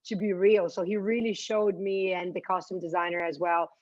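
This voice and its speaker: A woman's voice: on the low side, fairly even intonation, normal speed, a little mellow, no room sound, highs cut off. A woman actress being interviewed at a press junket, talking enthusiastically and repeating words as she searches for them.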